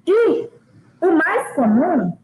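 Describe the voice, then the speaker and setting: A woman from Brazil, an English teacher in a live online lesson for children, slowly repeating words for them to copy and calling herself auntie. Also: very high voice, big pitch swings, a little mellow, echoey room, slight background noise, rough recording. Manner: slow, drawn-out repetition of words for children to copy; calls herself auntie and reads out viewers' names. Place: home kitchen.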